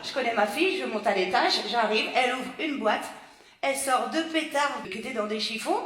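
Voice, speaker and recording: A woman's voice: fairly high pitch, a little fast. A woman in her forties doing stand-up crowd work and telling stories in a chatty, self-mocking way, laughing often. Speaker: stand-up comedian. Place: theater stage with live audience. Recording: loud crowd and noisy live recording. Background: loud audience laughter.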